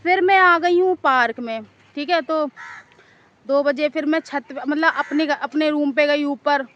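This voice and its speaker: A woman's voice: high voice, unhurried, fairly bright tone, dull audio. A woman vlogger casually telling a story to camera outdoors in a park, chatty and rambling, often repeating herself.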